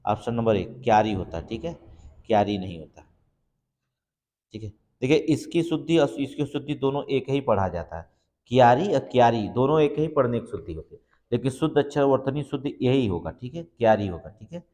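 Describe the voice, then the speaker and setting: A man's voice: medium pitch, expressive, moderate pace, dark tone. A man teaching exam preparation, walking through each answer step by step and confirming it with a repeated check. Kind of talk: exam-prep lesson. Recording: long reverb in the room.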